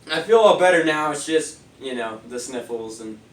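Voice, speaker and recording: Poor, reverberant audio recorded far from the mic carries a man's fairly high, expressive voice at a fairly quick pace. Reviewing party speakers casually, he rambles loosely with many fillers, his nose stuffy and sniffly from a cold.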